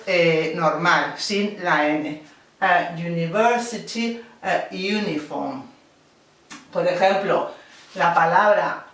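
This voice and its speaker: A woman's voice: mid-range voice, fairly bright tone. Patient woman teacher in an echoey room. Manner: patient, explaining step by step with self-corrections. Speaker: English teacher. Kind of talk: classroom-style grammar lesson. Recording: very echoey room, voice from a distance off the mic.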